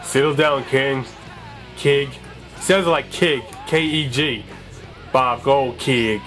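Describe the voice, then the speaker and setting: A young let's play gamer with a slightly sore, medium-pitched voice speaks slowly while casually commenting on a wrestling video game. He's chatty and excitable, reading the game's dialogue aloud, with faint music and a faint crowd behind him.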